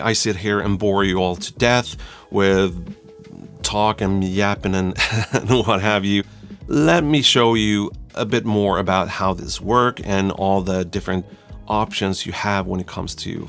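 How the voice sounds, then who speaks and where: Deep-voiced man chatting. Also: creaky, a bit bright. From Sweden. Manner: chatty, self-deprecating. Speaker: YouTube reviewer. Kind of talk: casual tutorial talk.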